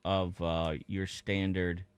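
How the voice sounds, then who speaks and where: A man's voice: sits low, flat delivery, slow, smooth. A man co-hosting a radio morning show, making wry, hesitant asides in casual studio banter.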